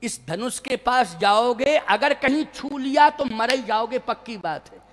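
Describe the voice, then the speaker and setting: A man's voice: extremely high pitch, unhurried, fairly bright tone, big-room sound. A man voicing a frightened king who pleads with others to stay away. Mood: panicked. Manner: panicked pleading. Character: frightened boastful male king, shaken.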